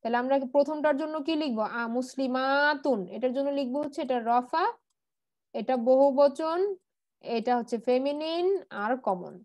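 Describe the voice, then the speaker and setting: A woman with a high voice teaches a grammar lesson and walks slowly through each word form. She poses questions and answers them herself, and drops English words into her talk. The sound is dry, close and plain. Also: dark tone, no echo, muffled recording. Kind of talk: online class lesson.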